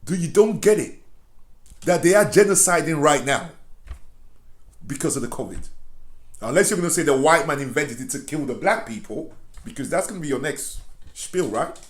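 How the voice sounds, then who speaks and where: A man with a rather high, animated voice talks at normal speed but pauses often. In impassioned online commentary, he confronts the person he's criticizing head-on, speaking straight to them and repeating phrases for emphasis. The recording has a roomy echo.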